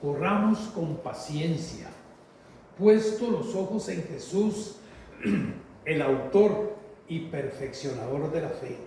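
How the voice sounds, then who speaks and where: A man preaching a sermon in a slow, emphatic way, repeating phrases and calling listeners brothers, with a heavy cathedral-like echo. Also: a little high, lively intonation, warm tone. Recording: very echoey hall, voice from far off, faint noise.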